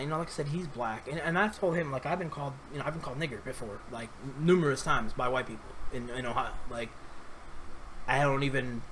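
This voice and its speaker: A man's voice: mid-range voice, fairly bright tone, a little hiss or hum, low-quality recording. A man from New York speaking casually to camera, rambling and earnest, often repeating and restarting his words. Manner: earnest, opinionated. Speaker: vlogger.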